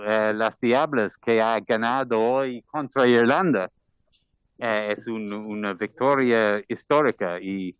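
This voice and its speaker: An Irish man with an Irish accent and a smooth, lowish voice reads a formal ambassador's address in careful second-language Spanish. He's in a parliamentary committee room, and the dry recording has dull, muffled committee audio.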